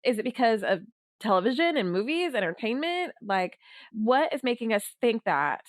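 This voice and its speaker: A woman's voice: fairly high pitch, big pitch swings, moderate pace, dry recording, studio quality. A woman podcast host asking curious questions in a casual, conversational way. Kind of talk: conversational interview.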